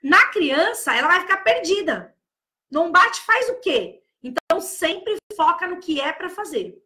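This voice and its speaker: A woman talks loudly in a high, bright voice, giving casual advice to fellow teachers. She stresses her points by repeating key words over and over. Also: sing-song, measured pace. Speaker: early-childhood educator.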